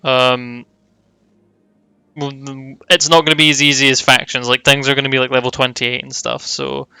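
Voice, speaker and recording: A man's voice: mid-range voice, flat delivery, normal speed, vocal fry, sharp tone, clear, resonant tone, dry recording. A man streaming a game with friends, casual and joking, laughing often and guiding the group. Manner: joking, laughs easily, sets the rules.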